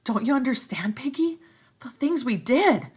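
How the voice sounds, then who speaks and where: A woman's voice: animated, unhurried, a little mellow, slightly rough, exaggerated voice. A woman voicing a shaken, guilt-stricken boy leader in a read-aloud novel. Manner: low, stricken, troubled.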